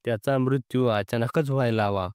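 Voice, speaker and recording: A man reading the lines of a thoughtful male spy hiding in an enemy camp, calm and plotting, in a storybook narration. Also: medium pitch, moderate pace, smooth, no echo, studio quality, close to an everyday voice. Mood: scheming.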